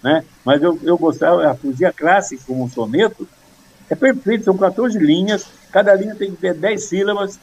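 An older man in casual conversation, earnestly explaining poetry and reciting verse with a steady rhythm. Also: high-pitched, normal speed, breathy edge, dull audio. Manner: earnest, rhythmic when reciting, many restarts. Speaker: poet guest.

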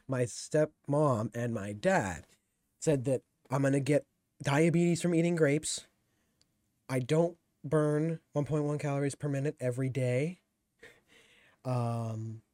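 A man's voice: medium pitch, darkish tone, no room sound. A young man hosting a casual podcast, answering listener questions in a rambling, giggly way that keeps cutting himself off. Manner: rambling, giggly, self-interrupting. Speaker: podcast host.

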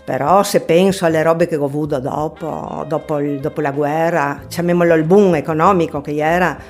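A woman's voice: deep voice, fairly even intonation, normal speed, a little mellow. A woman in her eighties from Trieste with a Triestine dialect accent, chatting in a rambling, conversational way. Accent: Triestine, north-eastern Italian dialect. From Trieste, Italy. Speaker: interviewed grandmother. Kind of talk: casual interview chat, dialect mixed with Italian. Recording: music under the voice.

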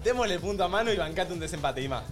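A woman's voice: fairly low pitch, expressive, soft background music. A woman with a Rioplatense accent running a game among friends, keeping score. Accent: Rioplatense Spanish. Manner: brisk, bossy game-keeping. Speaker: game moderator. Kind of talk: casual group chat.

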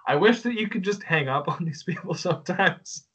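A man's voice: sits high, animated, moderate pace, a bit bright, slightly rough. A man co-hosting a podcast in casual chat, rambling and joking as he talks through a game's characters. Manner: rambling, self-interrupting, joking. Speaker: podcast co-host.

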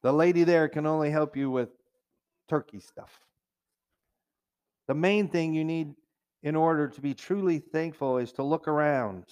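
A man's voice: on the high side, unhurried, long pauses, a little mellow, clear, resonant tone. A middle-aged man preaching a sermon as pastor, in a conversational way, now and then mimicking complainers in a raised whiny voice.

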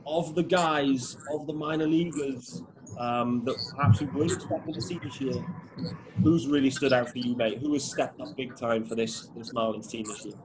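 A man's voice: mid-range voice, fairly even intonation, normal speed, background noise. A man from the UK hosting a casual podcast chat, upbeat and enthusiastic as he asks his guests questions. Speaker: podcast host.

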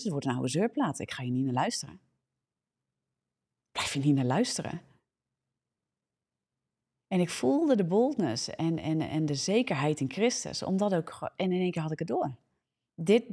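Low mellow-voiced Dutch woman preaching. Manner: fervent, frequent checking "ja?", restarts and self-corrections. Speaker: preacher hosting a live morning prayer broadcast. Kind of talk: preaching a live social media sermon.

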